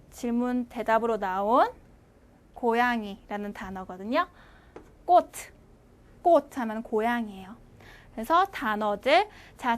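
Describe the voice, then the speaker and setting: Female instructor, high voice, speaks clearly and repeats words slowly for students to copy. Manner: slow, clear repetition for learners to follow. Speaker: language teacher. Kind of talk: online language lecture.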